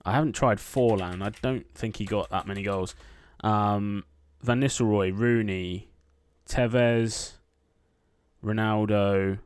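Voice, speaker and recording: A man's voice: on the low side, steady tone, slow pace, clear, resonant tone, dry recording. A man playing an online quiz, thinking aloud and muttering guesses with frequent ums. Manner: muttering names half to himself, lots of ums. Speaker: quiz gameplay streamer. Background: keyboard typing.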